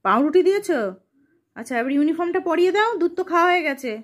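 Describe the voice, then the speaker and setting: A young woman, a mother chatting casually with her small child and coaxing him along with many gentle questions. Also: very high-pitched, expressive, quick pace.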